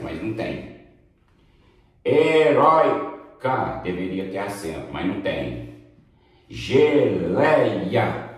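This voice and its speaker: A man teaching a grammar lesson, emphatic, repeating examples and checking in with students. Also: low voice. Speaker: Portuguese teacher. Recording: very echoey room.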